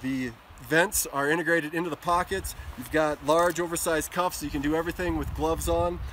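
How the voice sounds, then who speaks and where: A middle-aged man, a brand ambassador, casually showing off a jacket outdoors on a snowy mountain, talking in a relaxed way with plenty of ums. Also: on the high side, brisk, a little hiss or hum. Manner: relaxed, hesitant with fillers. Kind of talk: casual product walkthrough.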